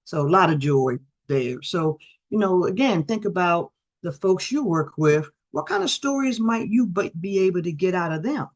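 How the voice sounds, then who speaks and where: A middle-aged woman giving a storytelling presentation as a guest speaker over a video call, lively and acting out the voices of the people in her stories. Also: lowish voice, moderate pace. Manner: animated, acts out quoted voices.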